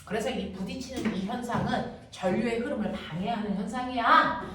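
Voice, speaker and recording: A fairly high-voiced woman teaching a middle school science lesson. She talks briskly and keeps firing quick check-in questions at the class. She is captured from across a very echoey classroom with clear background noise. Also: distant mic. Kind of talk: classroom lecture. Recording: echoey classroom from afar, noisy.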